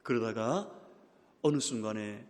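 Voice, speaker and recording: A man pastor giving a sermon, moving from quiet, close remarks to loud, emphatic calls. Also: lowish voice, a little slow. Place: church sanctuary. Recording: long church hall reverb.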